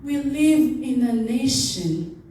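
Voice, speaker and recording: High-voiced woman reciting slowly, heavy echo. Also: expressive, warm tone. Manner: impassioned, oratorical, with deliberate pauses and repetition. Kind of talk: dramatic recitation of a famous speech. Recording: very echoey, distant from the mic.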